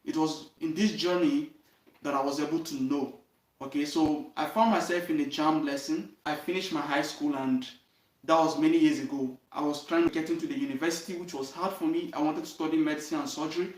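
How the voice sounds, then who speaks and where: A young man with a Nigerian accent tells his own story straight to his viewers. His voice sits slightly high and his delivery is earnest, dotted with "okay?" and "you understand?". He sounds set back from the mic in a roomy, echoing space. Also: steady tone, brisk. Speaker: channel host. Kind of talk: direct-to-camera life story talk. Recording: roomy echo, voice from a distance.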